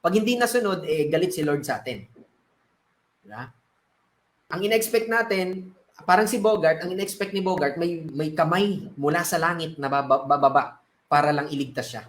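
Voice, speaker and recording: A male sales coach tells a parable to teach a lesson. He talks in a chatty way and often adds tag questions. His voice is high and the room is echoey. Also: normal speed, fairly bright tone. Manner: conversational, frequent tag questions. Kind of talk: storytelling lesson. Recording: roomy echo.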